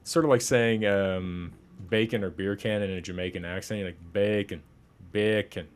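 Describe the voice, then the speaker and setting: A young man with a low voice talks at a normal speed, casually commenting on a game he's playing. As a gaming streamer doing let's-play commentary, he jokes and rambles to his viewers.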